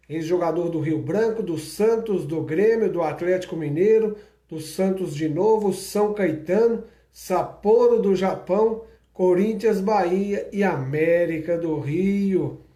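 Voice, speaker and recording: Male live-stream interviewer with a high pitch, friendly tone, roomy echo. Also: mellow. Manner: friendly, reads out lists. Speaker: interview host. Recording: echoey room.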